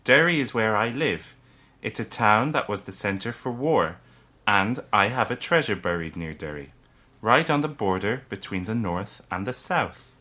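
A man voicing a small, sly and patient male leprechaun in an audiobook, talking slowly and correcting others. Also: fairly low pitch, exaggerated voice. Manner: lively, drawn-out, correcting. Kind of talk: audiobook character voice.

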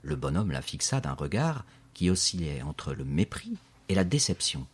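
A man narrating a story in a steady, expressive audiobook reading. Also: rumbling low, moderate pace, husky.

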